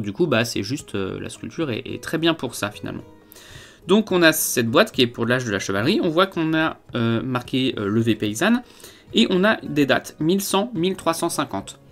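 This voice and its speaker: A man giving a casual unboxing review of miniature figures, talking with many hesitations and fillers. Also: mid-range voice. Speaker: wargaming hobby reviewer.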